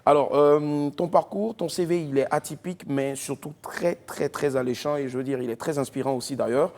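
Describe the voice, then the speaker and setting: A man hosting a TV talk show, introducing and interviewing a guest with lively, emphatic delivery and bursts of cheering. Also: on the high side, a little fast, a little hiss or hum. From West Africa.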